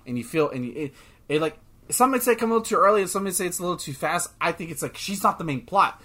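A man co-hosting a casual chat podcast, rambling and excitable, often swearing as he talks. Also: sits high, fast. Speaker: podcast co-host.

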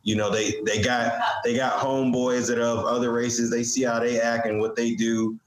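Halting American man in an echoey room. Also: mid-range voice, little pitch movement, noisy background. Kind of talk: casual discussion. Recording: roomy, echoing sound.

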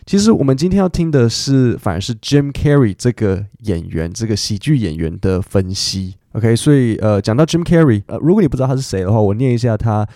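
A man's voice: medium pitch, expressive, brisk, hardly any pauses, warm tone, no echo, clean studio sound. A man, an English teacher explaining things in a chatty podcast style, full of fillers and English asides.

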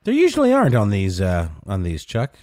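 A man's voice: on the low side, wildly swooping pitch, fairly quick, dark tone, studio quality. A man co-hosting a podcast in casual, hesitant conversation, recorded in a slightly echoey, untreated large room. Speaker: podcast co-host. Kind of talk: casual chat. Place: large new office studio with bare walls.

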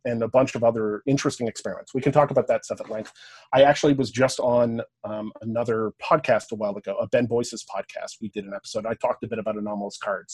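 A Canadian man with a medium-pitched, slightly breathy voice appears as a podcast guest. His talk is casual but lecture-like, as if he's thinking out loud, and he keeps checking in with "right?" and swears now and then.

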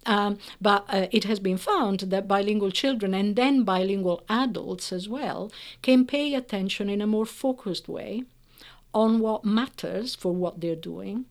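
An Italian-native researcher explains the benefits of bilingualism in an interview. She speaks carefully in a measured, explanatory way at medium pitch, pausing often and using hesitant fillers.

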